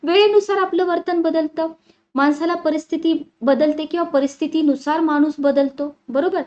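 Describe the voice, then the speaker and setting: A woman's voice: high-pitched, fairly even intonation, normal speed, darkish tone, dull audio. A woman teacher giving an exam-prep lecture. She talks in a conversational way and keeps asking the class questions.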